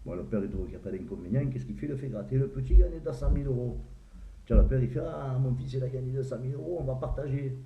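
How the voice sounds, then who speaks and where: Here a joke teller rattles off crude gags at a quick pace in a medium-pitched voice, playing the characters and laughing at his own punchlines in a casual way. It sounds echoey and tinny, as if over a phone.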